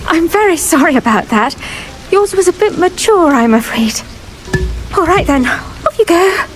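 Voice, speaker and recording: Over music, in a low-quality recording, a woman speaks at an extremely high pitch, expressive and measured. Her video game role is a warm, good-natured British herbology teacher who gushes encouragement and slips in plant puns.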